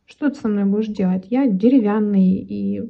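A woman voicing a small, frightened wooden pencil that begs a mouse to let it go, speaking higher and louder as it pleads. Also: moderate pace, creaky, narrow, tinny audio. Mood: pleading.

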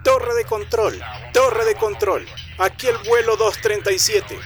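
A man's voice: sits high, steady tone, measured pace, faint music behind, voice pushed up. Man playing a scared young pilot. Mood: tense. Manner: short urgent questions. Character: skeptical young male pilot growing alarmed.

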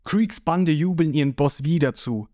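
A man narrating an audio manga reading with slow, deliberate storytelling. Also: fairly high pitch, dark tone, no echo, studio quality.

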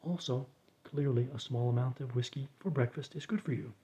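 A man reading reflections and a recipe aloud in a soft, often whispered voice, with dry deadpan asides. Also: medium pitch, brisk.

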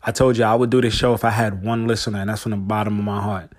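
His voice is on the low side and steady, and he talks fast. He's a man in his forties hosting a podcast alone, chatting casually with plenty of slang and addressing listeners head-on.

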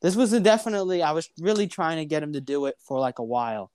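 Young male podcast host, rambling, restarts a lot; smooth, clean tone, close and dry. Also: a little high, fast talker, darkish tone, no room sound. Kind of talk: casual interview.

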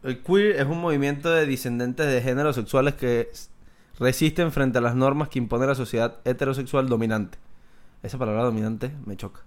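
A man's voice: mid-range voice, steady tone. A man, co-hosting a podcast in casual, joking chat. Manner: joking, quick interjections. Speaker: podcast co-host.

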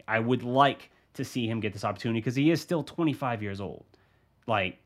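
A man hosting a sports podcast, talking through his views casually and thinking aloud, with frequent restarts. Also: fairly low pitch. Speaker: podcast host, sports journalist. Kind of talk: solo sports podcast commentary.

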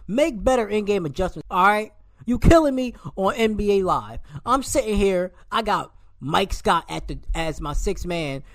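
A man's voice: high voice, fairly bright tone, dry recording. A man co-hosting a casual sports podcast, ranting animatedly and calling players and coaches out. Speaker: podcast co-host.

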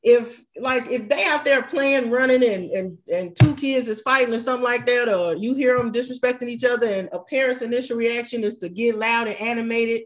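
A woman co-hosting a casual podcast chat, talking in an animated, emphatic way. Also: a little high, a little fast, few pauses. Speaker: podcast co-host.

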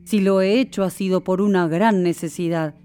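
A woman voicing a desperate poor husband in a storybook reading, pleading in a lowered voice. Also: fairly even intonation, normal speed, warm tone, clear, resonant tone, soft background music, lightly acted.

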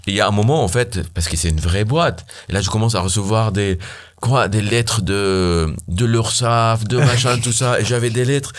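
A man's voice: lowish voice, brisk, hardly any pauses. A founder from Syria, telling his story animatedly in an interview, with many fillers and restarts. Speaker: startup founder guest.

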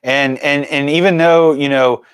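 A man in his forties, a filmmaker and mountain biker, telling stories as a guest in a casual interview with animated, chatty energy. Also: a little high, measured pace, clean tone, no echo. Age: 40s.

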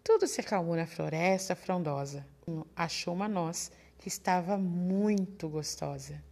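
A woman reading a children's picture book aloud in an expressive, singsong way. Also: fairly low pitch, a little slow, vocal fry. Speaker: storyteller. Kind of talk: children's story read aloud.

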